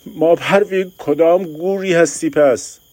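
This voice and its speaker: Male reader doing a young village woman in labor, high, strained, shouting. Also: slightly rough, dry recording. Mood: screaming. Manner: strained, crying out in pain.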